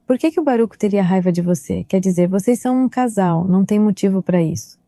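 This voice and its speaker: A middle-aged woman tells her story as a mother, reliving old conversations by quoting what was said. Her voice is deep in tone and very dark, and it sits dry and close with no room around it. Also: fast, dry recording. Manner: recounts events quoting past dialogue. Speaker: mother of a victim. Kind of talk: personal testimony.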